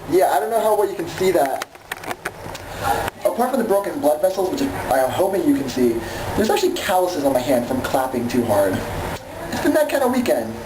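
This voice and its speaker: A man vlogging in casual chat with a hoarse voice, talking excitedly and swearing freely. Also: a little high, a little fast, noisy background. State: hoarse from screaming.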